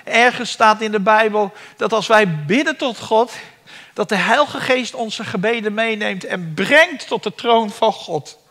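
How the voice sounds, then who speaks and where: A man preaching a sermon in a high, bright voice, taking his time with each phrase. He shifts into dramatic, emphatic cries as he acts out pleas for help. The sound carries a long reverb from a church hall. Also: a little slow. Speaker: pastor.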